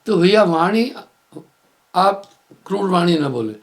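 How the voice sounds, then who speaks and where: A man giving a sermon as a spiritual teacher, telling moral stories in an unhurried way and chanting verses slowly. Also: high-pitched, expressive. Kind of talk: sermon with storytelling.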